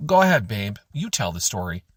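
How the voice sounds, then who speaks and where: Casting: a man playing a cheerful, friendly grown man in an audiobook, slightly husky, lively pitch. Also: fairly quick, no echo, clean studio sound.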